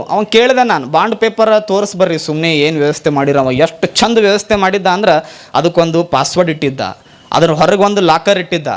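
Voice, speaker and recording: A man, a monk, preaching a sermon with a North Karnataka accent, telling stories with acted dialogue and chanting verses. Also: high voice. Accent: North Karnataka Kannada.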